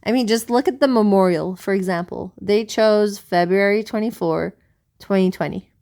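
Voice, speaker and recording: Her voice is mid-range and darkish, at a moderate pace. She is a South American woman co-hosting a podcast, talking casually in an earnest, rambling, musing way.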